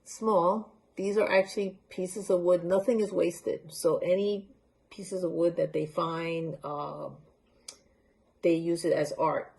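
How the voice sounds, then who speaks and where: A woman's voice: fairly low pitch, steady tone, slow pace, vocal fry, a little mellow. A woman from Honduras, presenting handmade crafts in a casual, unscripted show-and-tell talk and holding pieces up to the camera. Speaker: library art talk presenter.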